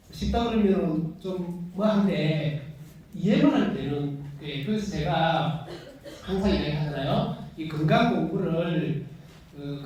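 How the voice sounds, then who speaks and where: A man with a high, dark voice and a Gyeongsang Korean accent gives an unscripted health lecture to a live class. He chats freely, asks whether everyone is following and laughs often. With no working mic, he's heard from across a very echoey lecture room.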